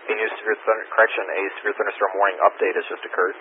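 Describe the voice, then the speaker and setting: A man's voice: fairly low pitch, level tone, very fast, phone-quality sound. A man running a weather spotter radio net as net control, reading warnings in a procedural way over a static-filled radio transmission. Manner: procedural, reads warnings aloud. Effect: radio transmission with room static.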